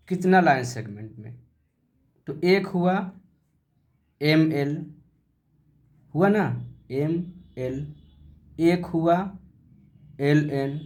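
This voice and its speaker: A man teaching a primary school maths lesson, slowly repeating points and asking questions he answers himself. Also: fairly high pitch, a little mellow. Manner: slow, repetitive, asks and answers his own questions. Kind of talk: classroom video lesson. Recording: echoey room.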